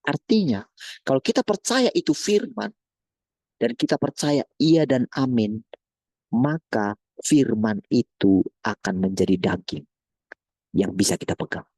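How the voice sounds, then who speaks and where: A man preaching a sermon, calling the listeners brothers and sisters and asking them one rhetorical question after another, swinging between loud and soft. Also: mid-range voice, expressive, a little slow, pauses often, husky, dry recording.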